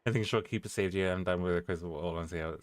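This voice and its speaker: A man's voice: sits low, fairly even intonation, quick pace, no echo. A man giving casual gameplay commentary as a streamer, chatty and informal. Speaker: game streamer.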